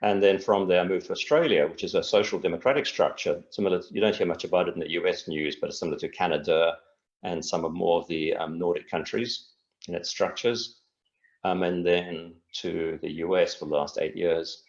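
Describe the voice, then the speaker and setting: A man's voice: low-pitched, steady tone, a little fast, muffled recording. A middle-aged man from Tanzania, a guest speaking in an earnest, reflective and meandering way in a casual interview over a video call.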